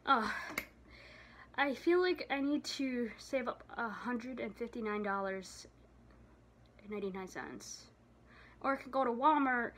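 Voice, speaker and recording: A woman's voice: mid-range voice, fairly bright tone. Tired young woman rambling into her phone. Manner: rambling, filler-heavy, trailing off. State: tired, out of breath. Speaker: vlogger. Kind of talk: casual vlog chat. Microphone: phone camera.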